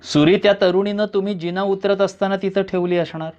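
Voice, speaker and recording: A man's voice: sits high, fairly even intonation, brisk, darkish tone. Man reading a suspenseful thriller story. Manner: suspenseful second-person narration. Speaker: reader. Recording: dull lo-fi recording.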